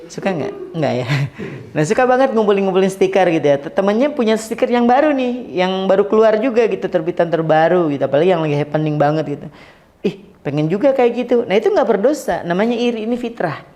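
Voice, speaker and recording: A man giving a casual Islamic study talk to a live audience, lively and joking, acting out little dialogues and asking the audience questions. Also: on the high side. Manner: lively, acts out quoted dialogue, jokes with audience. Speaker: Islamic preacher.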